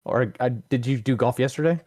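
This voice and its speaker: A man's voice: mid-range voice, fairly quick, darkish tone. A man commentating on a live race stream, laid-back and joking. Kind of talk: casual race commentary chat.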